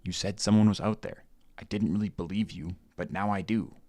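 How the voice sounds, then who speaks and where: Brief: doubtful boyfriend, blunt and protective, deep and dry, voiced by the narrator. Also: male voice, fairly even intonation, fairly quick, darkish tone, no echo, natural voice. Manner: blunt, matter-of-fact. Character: skeptical young boyfriend, blunt, protective, gun-carrying.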